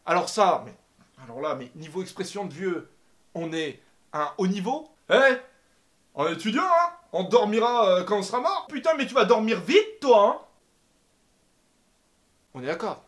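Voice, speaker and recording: A young man doing a comic rant to camera, animated and exaggerated, swearing and laughing often. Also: sits high, normal speed, long pauses. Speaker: comedy vlogger. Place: apartment.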